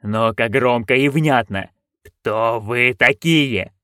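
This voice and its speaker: A man's voice: mid-range voice, bright, forceful tone, clean tone, no room sound, studio quality. A man doing a fretful commanding dwarf director. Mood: drilling. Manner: drills his troupe in slow barked questions. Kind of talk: audiobook narration.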